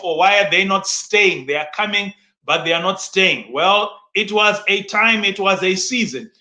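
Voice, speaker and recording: This man preaches with a high, sharp voice, teaching in an emphatic, motivational way. He frequently poses questions and supplies the answers, and the sound of the sermon is roomy and echoey.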